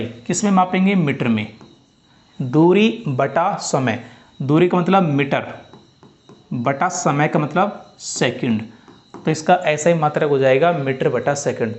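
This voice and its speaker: A man, whose voice sits somewhat high, teaches physics in a classroom-style lesson. He says the steps over and over and checks that the students follow. The recording is dull and lo-fi. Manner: repeats steps, asks students if they understood.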